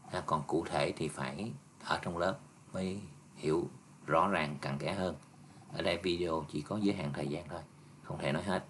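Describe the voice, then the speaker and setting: A man's voice: sits low, slight background noise. A male teacher patiently reviewing an English exam step by step for his students. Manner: patient, explaining step by step with frequent "nha" and "nè".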